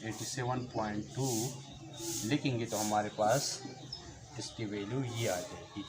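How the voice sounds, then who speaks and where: A man teaching a math lesson, explaining slowly, repeating each step and counting aloud. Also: on the low side. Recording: noticeable background noise.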